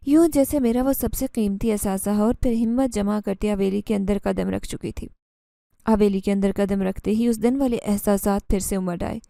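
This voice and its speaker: A woman narrating a first-person horror story in a steady, scripted storytelling manner. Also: medium pitch, gravelly, no echo.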